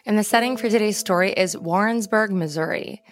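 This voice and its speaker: A woman's voice: mid-range voice, fairly quick. An American woman co-hosting a podcast, reading scripted narration as a true crime narrator. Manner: true crime narrator, posing dramatic questions. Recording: music behind the voice.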